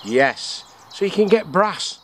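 Out at his woodland camp, a jokey middle-aged English bushcraft vlogger shows his gear, quizzing himself and answering aloud. His high voice is very animated but he takes it slowly. The audio comes from an action camera on his chest or a tripod, with birdsong and faint outdoor noise.

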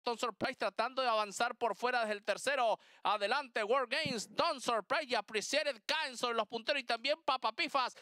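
A man giving live horse racing commentary, with an excited, driving way of calling the race. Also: very high-pitched, normal speed, hardly any pauses, dry recording.

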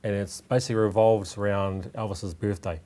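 A man, a guest in a studio interview, talking earnestly and haltingly with restarts. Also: fairly low pitch, fairly even intonation, mellow. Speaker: guest, tribute singer. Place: small TV studio set.

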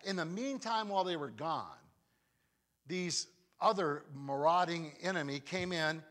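A man preaching a sermon as a guest pastor, telling a story with dramatic swings from loud to hushed. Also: fairly high pitch.

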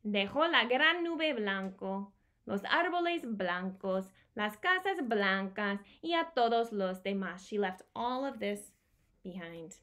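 A woman in her thirties hosts a bilingual picture-book storytime for young children in a small indoor home room lined with bookshelves. Her mid-range, fairly bright voice is animated yet unhurried as she expressively explains and repeats key words.

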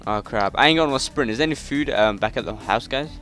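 A man's voice: mid-range voice, fast. British male gaming host, chatty, yelps at scares, faint music underneath. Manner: chatty, yelps loudly when startled. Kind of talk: casual gameplay commentary.

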